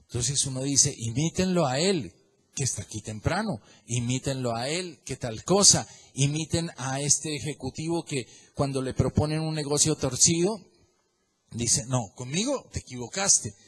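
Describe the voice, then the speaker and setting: A middle-aged man preaching a sermon, swinging between loud emphasis and quiet asides and repeating phrases for emphasis. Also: mid-range voice, lively intonation, normal speed, breathy edge. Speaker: pastor.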